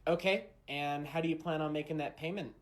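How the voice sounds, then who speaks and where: A man's voice: on the high side, fairly even intonation, a little fast, voice pushed down, natural voice. A man playing an exasperated, incredulous game store clerk in a comedy skit. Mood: flat, polite. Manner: incredulous, indignant.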